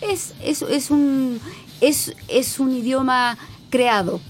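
A woman's voice: high voice, slow pace. A Chilean woman talking emphatically on a radio chat show, often laughing and teasing.

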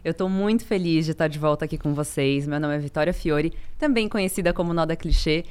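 A young Brazilian woman hosting a casual podcast chat, bubbly and affectionate. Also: fairly low pitch. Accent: Brazilian Portuguese. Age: young adult. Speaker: podcast host.

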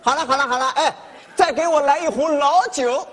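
An actor playing a boastful male freeloader who cons restaurants, talking loud, indignant and theatrical in a stage comedy sketch. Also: very high voice, brisk. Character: boastful freeloading male con man diner.

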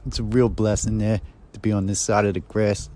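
A man's voice: on the low side, level tone, fairly quick, mellow, close to an everyday voice. A man playing a down-on-his-luck married guy giving a folksy, rambling podcast update full of homespun sayings. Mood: folksy upbeat. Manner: folksy, homespun sayings, keeps tagging "there". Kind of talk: casual phone podcast monologue.

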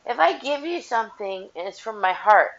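A woman's voice: fairly high pitch, animated, normal speed. A woman hosting a casual solo podcast while washing dishes, talking bluntly and profanely, with a tinny, tin-can sound from her headset mic. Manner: blunt and profane, frank opinions. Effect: tinny, metallic tin-can sound. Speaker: podcast host. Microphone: headphones with mic. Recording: dull tin-can sound with faint dish clatter.

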